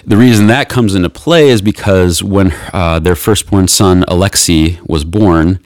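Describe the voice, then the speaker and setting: A man's voice: sits low, a little slow, darkish tone, no room sound, clean studio sound. A man hosting a casual podcast chat, explaining a story in a rambling way with many restarts. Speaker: podcast host.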